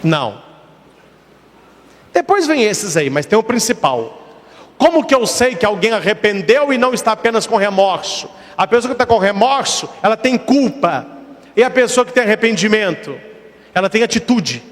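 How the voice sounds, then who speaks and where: Lively high-voiced man preaching in a reverberant hall. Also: normal speed. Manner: storytelling with acted dialogue and rhetorical questions. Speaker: priest. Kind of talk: sermon.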